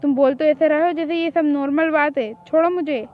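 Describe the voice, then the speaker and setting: A woman's voice: sits high, steady tone, fairly quick, highs cut off, lightly acted. A woman playing a feisty, defiant young fangirl. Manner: scolding, defiant. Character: feisty young woman, devoted boy-band fan. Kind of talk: hobby fan drama.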